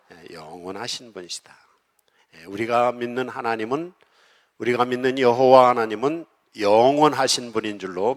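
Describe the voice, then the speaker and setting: A man preaching a sermon as pastor, emphatic and rising and falling in loudness as he draws replies from the congregation. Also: fairly low pitch. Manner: emphatic preaching that rises and falls in loudness, coaxing the congregation to respond. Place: church sanctuary. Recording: long hall reverb in a church.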